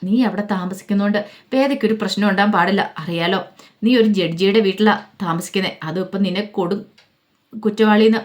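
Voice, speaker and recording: An older father and retired teacher gives careful warnings in a steady, explaining way, read by a woman. The voice stays close to the reader's own. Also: medium pitch, a little fast, natural voice. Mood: cautioning.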